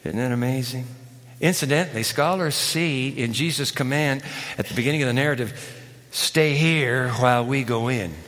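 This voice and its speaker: An older man preaching a sermon, moving between loud emphatic phrases and hushed, whispered pleas. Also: medium pitch, normal speed, big-room sound. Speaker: pastor.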